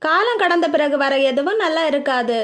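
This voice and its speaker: A woman voicing a sharp-tongued young woman who scolds and snaps in an audiobook. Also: sits high, animated, normal speed. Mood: irritated. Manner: irritated, scolding.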